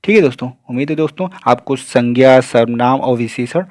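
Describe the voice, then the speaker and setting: A male teacher giving an exam-prep grammar lesson, asking questions and answering them himself, with a steady refrain of "okay, friends". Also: mid-range voice, brisk, dry recording, studio quality. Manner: repeats "ठीक है दोस्तों" and asks then answers his own questions.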